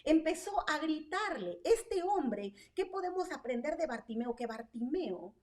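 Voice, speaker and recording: A woman's voice: high voice, big pitch swings, unhurried, a little mellow, distant mic. A woman preaching an online sermon with fervent energy, asking rhetorical questions and tagging her points with "¿verdad?". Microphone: online stream.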